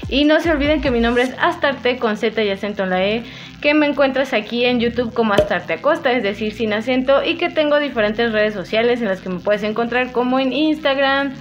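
A woman's voice: fairly high pitch, a little fast. A woman with a Mexican accent chatting casually and playfully to her viewers while doing her makeup, laughing often. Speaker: makeup vlogger. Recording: dull lo-fi with faint music.

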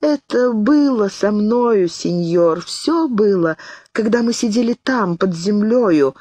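A woman's voice: medium pitch, lively intonation, slow, mellow, dry recording, pitched above the performer's own voice. A woman voicing a mad, childlike elderly Englishwoman who chatters in a plaintive singsong.

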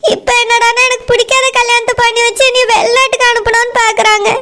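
A woman's voice: extremely high pitch, level tone, fast, bright, forceful tone, heavily acted. A woman voicing a tearful young woman who does not want to marry, crying and pleading as she talks, in a cartoon. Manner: pleading, sobbing. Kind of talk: cartoon voice acting.

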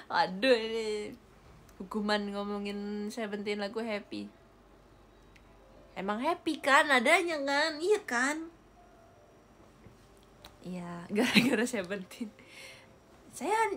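A woman's voice: high-pitched, fairly bright tone, a little hiss or hum. A young Indonesian woman chatting playfully on a livestream, giggling often as she reads comments. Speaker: idol live streamer. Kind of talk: casual chat reading viewer comments. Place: indoor room, air-conditioned. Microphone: phone or webcam livestream.

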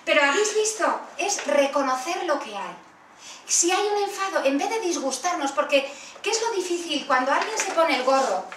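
A woman with a Spanish accent from Spain leading an interactive workshop, animated and acting out examples. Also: high voice, normal speed. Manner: animated, acts out children's voices in role-play. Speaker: workshop facilitator. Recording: roomy far-off room recording with faint noise.

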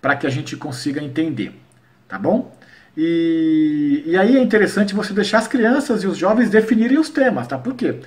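Man teaching, recites verse in slow rhythm. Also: fairly high pitch, animated. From Paraíba, Brazil. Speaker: cordel poet and workshop teacher. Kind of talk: online lesson for educators.

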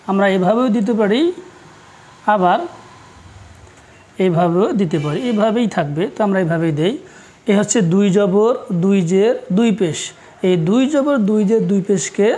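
A patient Quran teacher, a man, walks his students through a classroom lesson. He talks slowly, spells each letter aloud and repeats every rule so it sticks. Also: sits high, dark tone.

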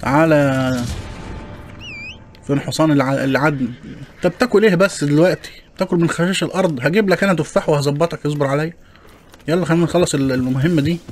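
A man's voice: a little high, quick pace, long pauses, a little hiss or hum. A man with an Egyptian Arabic accent giving joking, chatty gameplay commentary and complaining to his viewers as he plays. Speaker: gaming channel host.

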